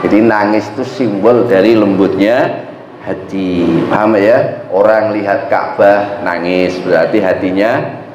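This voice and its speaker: Male mosque preacher, lively storytelling sermon, roomy echo, dull lo-fi sound with faint noise. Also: lowish voice, measured pace. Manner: lively storytelling, asks the congregation. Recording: echoey, dull lo-fi mosque recording.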